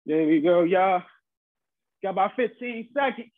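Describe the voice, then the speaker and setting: Here a young man's high-pitched voice keeps a measured pace while he runs a live online workout class as a fitness instructor, offering short words of encouragement and counting down. There's no echo in the small, carpeted home room where he's indoors. The video call audio, picked up by a laptop or webcam mic, is muffled and phone-like.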